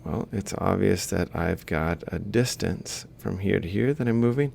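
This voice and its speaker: A gravelly, darkish male voice at normal speed: a robotics lecturer explaining an example informally as he draws, thinking aloud step by step and correcting himself. Behind him is faint background noise with a low rumble.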